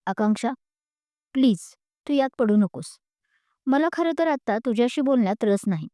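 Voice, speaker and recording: A woman's voice: fairly high pitch, animated, moderate pace, dry recording, natural voice. A woman voicing an angry, hurt young woman student who scolds sharply and is close to tears, in a spoken storybook. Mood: angry, tearful. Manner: sharp, raised, tearful scolding.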